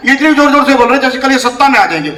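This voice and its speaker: Fast-talking combative man in a debate. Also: extremely high pitch, lively intonation, distant mic, noisy background. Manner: mocking, combative. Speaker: party spokesman in a debate. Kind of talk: heated political debate. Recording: echoey hall, off-mic, crowd audible.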